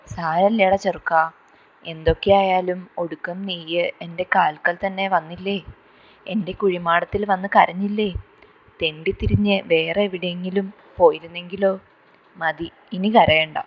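A woman's voice: fairly low pitch, steady tone, measured pace, poor audio. A woman voicing the spirit of a dead old mother who scolds and consoles her grown son from the grave. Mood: consoling.

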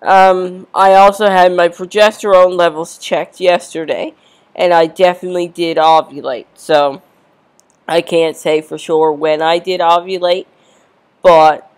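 A woman with a congested, stuffy cold voice, giving a casual, matter-of-fact vlog update. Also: sits low. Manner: matter-of-fact, reading out numbers. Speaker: vlogger.

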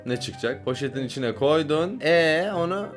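A young man narrates his reactions in a bright, high voice that swings widely in pitch. He exclaims and laughs a lot in casual slang. Soft background music plays under his desk-mic recording. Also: animated, moderate pace. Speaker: reaction video host. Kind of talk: excited casual reaction commentary.

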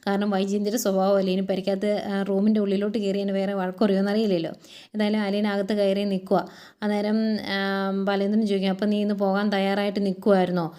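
A woman talks through a TV serial episode in a relaxed, homely way, voicing everyone's lines in her own voice rather than acting them out. Her tone is mellow and soft-edged. The pitch stays flat and level, with little rise or fall. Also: smooth. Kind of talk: casual spoken story recap.

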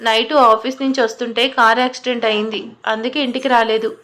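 A weary, injured young man from an audio drama, hesitating and stumbling over excuses, as a woman narrator voices him. The voice stays a little high. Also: little pitch movement, a little fast, a bit bright, close to an everyday voice. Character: tired injured young adult son, evasive.

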